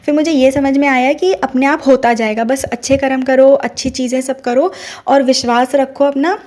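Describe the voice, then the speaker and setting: A woman's voice: high-pitched, fairly even intonation, moderate pace, darkish tone. A young woman telling a personal devotional story in an earnest, casual storytelling way. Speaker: devotee sharing a personal experience. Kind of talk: casual spoken testimony.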